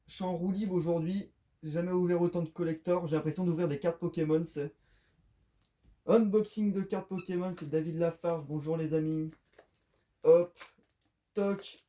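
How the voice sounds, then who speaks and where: A man's voice: sits high, fairly even intonation, a little slow, long pauses, mellow. A man giving casual, rambling unboxing commentary at home, full of fillers. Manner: rambling, filler-heavy, chatty. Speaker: unboxing vlogger.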